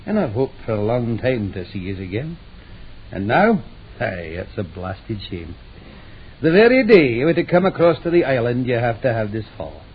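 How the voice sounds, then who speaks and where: Male actor as hearty older island uncle, broad Scottish accent, very lively pitch, dull noisy radio drama sound. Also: lightly acted. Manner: broad dialect, folksy, avuncular.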